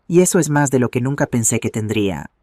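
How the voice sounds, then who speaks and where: A man voicing a humbled young adult son in a story, speaking earnestly and softly, in a dry close sound. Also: medium pitch, expressive, quick pace, no room sound, natural voice. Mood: remorseful.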